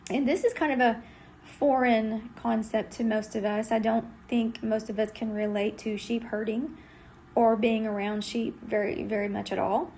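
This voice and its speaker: A middle-aged woman delivers a devotional Bible lesson in an earnest, conversational way. Her voice sits a bit high and carries a gravelly, fry-edged texture. A faint hiss of noise runs behind her. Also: little pitch movement, normal speed, a little mellow. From Texas. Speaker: Bible teacher. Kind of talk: devotional teaching.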